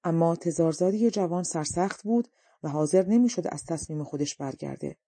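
A woman narrating a folk tale for an audiobook in a calm, measured way. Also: lowish voice, breathy edge, no room sound. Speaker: audiobook reader.

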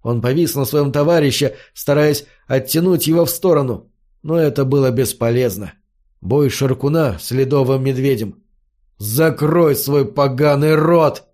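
A man's voice: medium pitch, normal speed, mellow. Man narrating a story in first person. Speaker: audiobook narrator.

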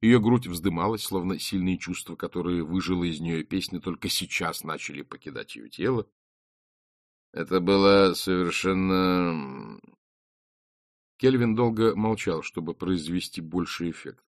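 A man narrating an audiobook in a calm, measured reading voice. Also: low voice, no room sound, clean studio sound. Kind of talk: scripted narration.

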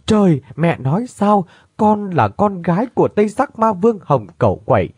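A man's voice: very animated, unhurried, no room sound, studio quality. A man voicing an anguished young woman in a read-aloud story, crying out in shock. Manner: cries out in high, anguished tones.

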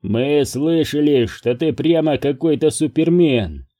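A man voicing a gruff, mocking army sergeant who growls slowly. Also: on the high side, expressive, dark tone.

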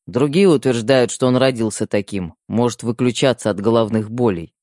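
A man's voice: mid-range voice, normal speed, mellow, dry recording, studio quality, close to an everyday voice. A man playing a protective teenage younger brother who talks strictly and wearily in an audiobook. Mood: weary. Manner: strict, weary. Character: teenage boy, protective younger brother, stern but tired. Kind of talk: audiobook character voice.

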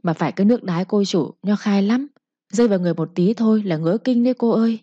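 A woman's voice: mid-range voice, fast talker, dark tone, dry recording, highs cut off, lightly acted. Woman voicing a sly wheedling servant girl. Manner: wheedling, humble, pleading. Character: young female servant, sly and pleading.

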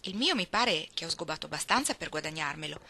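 A woman's voice: low-pitched, lively intonation, quick pace, pushed and bright, a little hiss or hum, full character voice. A woman reading as a blunt, tomboyish teenage girl who sounds exasperated.

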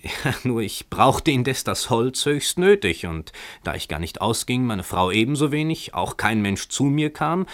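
A man voicing a poor tenant who talks calmly and wryly, defending himself with mock-earnest reasoning in a radio story reading. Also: mid-range voice, pitched above the performer's own voice, close to an everyday voice. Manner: calm, wry, overly reasonable.

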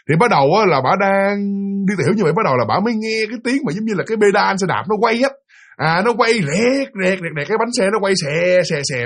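A man tells a ghost story in a chatty, filler-heavy way. His voice is husky and fairly high. He talks quickly, and his pitch swings all over the place. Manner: chatty, with many fillers, addressing the listeners directly. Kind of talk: casual spoken ghost story.

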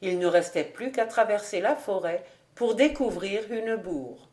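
A woman reading a classic novel aloud as an audiobook narrator, steady and clear. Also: medium pitch, measured pace. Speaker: audiobook reader.

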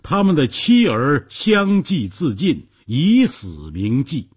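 一位男性说书人，以富有戏剧性的广播评书方式讲述故事。. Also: male voice, fairly high pitch, slow pace, husky. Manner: dramatic, animated storytelling. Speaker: storyteller. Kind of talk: radio story narration.

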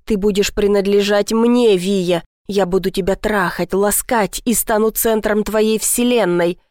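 A woman's voice: medium pitch, steady tone, darkish tone, no echo, studio quality, lightly acted. A woman reading as an obsessive male kidnapper. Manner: fervent and possessive, slow in outbursts.

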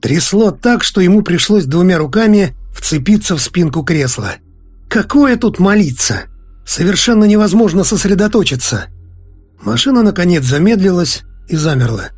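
A man narrating a novel in an expressive, ironic storytelling manner. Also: sits high, moderate pace, breathy edge, faint music behind. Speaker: audiobook narrator.

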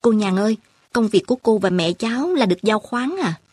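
A woman voicing an earnest, determined young woman student who talks her elders round, with a husky voice. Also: medium pitch, expressive, a little fast, a little mellow, dry recording, clean studio sound. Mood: eager. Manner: earnest and insistent.

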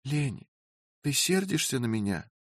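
A man's voice: mid-range voice, big pitch swings, moderate pace, dry recording, clean studio sound, voice pushed up. A man voicing a fiery, imperious young wife. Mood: pleading. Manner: sharp, imperious scolding.

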